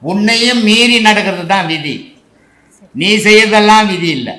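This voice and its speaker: A man's voice: sits high, normal speed, pushed and bright, echoey room. An older man, a spiritual teacher, answering questions in casual, instructive speech with rhetorical questions.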